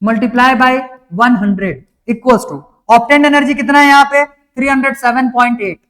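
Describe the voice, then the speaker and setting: High-voiced man teaching. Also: slow pace, a bit bright. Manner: explains step by step, keeps asking if it is clear. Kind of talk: classroom lecture.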